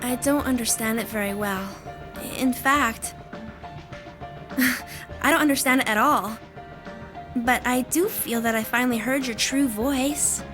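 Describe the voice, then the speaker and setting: A woman voicing an earnest, gentle teenage schoolgirl in an animated drama dub. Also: a little high, a little slow, pauses often, over music, natural voice. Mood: candid.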